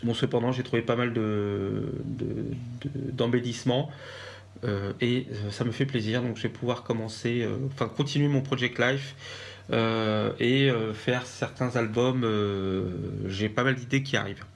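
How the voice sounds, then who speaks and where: A man's voice: medium pitch, steady tone, a little slow, gravelly. Hesitant French man chatting casually. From France. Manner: hesitant, many fillers and restarts. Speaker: vlogger. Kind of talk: casual craft haul vlog.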